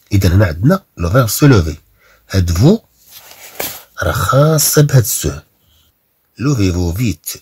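Male language teacher, Moroccan accent, husky and lively, reads slowly and repeats, dry sound. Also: low-pitched, no room sound. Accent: Moroccan Arabic. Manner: explains in Arabic, reads French sentences slowly and repeats them. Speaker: French teacher. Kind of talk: language lesson.

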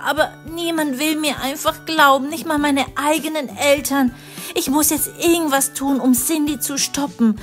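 [name], a woman playing an earnest wronged girl. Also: sits high. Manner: pleading, indignant.

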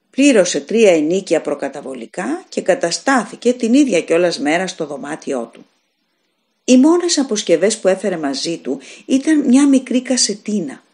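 A woman narrating an audiobook of a gothic story in a measured, expressive way. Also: medium pitch. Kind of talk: scripted narration of a gothic tale.

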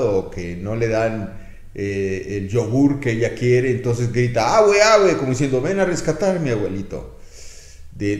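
A man's voice: medium pitch, a little mellow, echoey room. An older man with a Mexican Spanish accent preaching a sermon as pastor, acting out pleas and adding sound effects as he talks.

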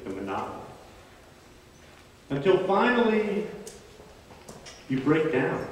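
A man preaching a sermon, telling a story slowly and deliberately with dramatic pauses. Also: a little high. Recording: echoey hall from far off.

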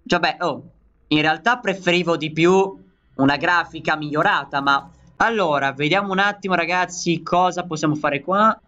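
A man from Italy hosting a gaming channel, giving excitable let's play commentary and calling out to his viewers. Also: a little high, moderate pace, highs cut off.

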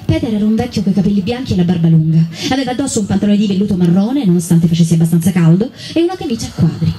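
A woman with an Italian accent reading a children's story aloud, gently and unhurried, with small slips. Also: mid-range voice, expressive.

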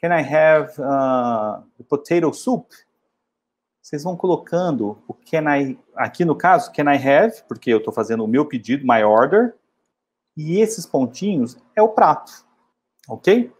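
A man from Brazil, teaching travel English in a casual way and repeating model phrases slowly. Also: a little high, lively intonation, slightly rough. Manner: slow, drilled model phrases in English between casual explanations.

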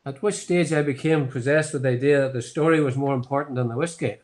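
A Northern Irish distillery founder in his seventies speaks quickly in a mid-range, darkish voice, rambling through his story with many fillers. The setting is an online tasting conversation over a video call from his home office, recorded on a laptop webcam.

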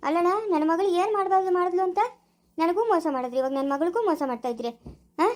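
A woman acting out a sharp-tongued village mother with a rural Chikkaballapura Kannada accent, her voice very high and piercing. She talks fast and accusingly, always ready to pick a quarrel. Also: animated, slight background noise. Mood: aggrieved. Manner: scolding, rapid and accusing. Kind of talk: amateur family skit acting.

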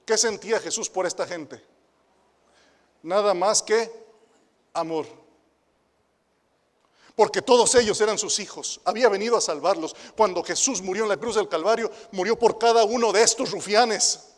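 High-voiced Mexican man preaching in a reverberant hall. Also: moderate pace, long pauses. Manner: animated preaching with rhetorical questions to the youth; swings between hushed asides and loud emphatic declarations. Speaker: pastor and youth director. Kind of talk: sermon.

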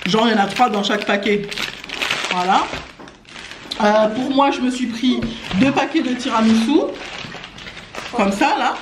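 Speaking a little slowly and pausing often, a woman with a fairly high voice does an informal, slangy haul chat. She's a family vlogger in her living room, recorded with echo, clear noise and clicks.

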